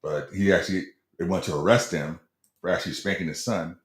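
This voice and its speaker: A man's voice: low voice, steady tone, fairly quick. A middle-aged man co-hosting a casual sports talk show, hedging and stumbling over repeated words as he tells stories. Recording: roomy echo.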